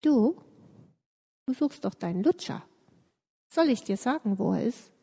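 A woman voicing a sly, hushed schoolgirl. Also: mid-range voice, animated, moderate pace, slightly rough, in a large hall. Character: sly, whispering schoolgirl tattletale.

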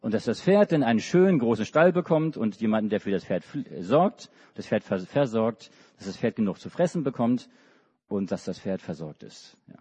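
A middle-aged man from Hamburg, Germany, preaching in church, tells a children's story with frequent restarts and hesitations. His voice is on the low side, husky and a little mellow, with big pitch swings at normal speed, heard through a dull recording in a reverberant hall.

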